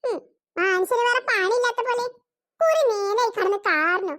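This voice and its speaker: A woman voicing a bossy, sharp-tongued older woman in a cartoon. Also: very high-pitched, moderate pace. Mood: grumbling. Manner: scolding, nagging. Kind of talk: cartoon voice acting.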